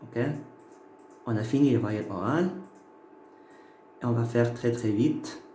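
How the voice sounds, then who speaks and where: Male teacher, slow patient delivery, mellow voice, echoey room. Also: mid-range voice, slight background noise. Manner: slow, patient, checks in with "ok?" and "d'accord?". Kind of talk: phonetics lesson to camera.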